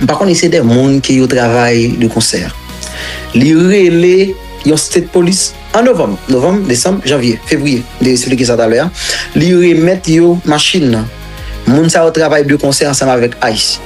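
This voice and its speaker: A man's voice: a little high, expressive, normal speed, a little mellow, faint music behind. A man from Haiti with a Haitian accent, recounting his own story as an interview guest in a rambling, repetitive way and mixing languages.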